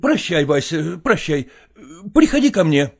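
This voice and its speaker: A man's voice: fairly high pitch, sing-song, unhurried, vocal fry, darkish tone, husky, pitched above the performer's own voice, heavily acted. A man voicing an irritable, harassed middle-aged husband and father, talking in an exasperated, firm and pleading way.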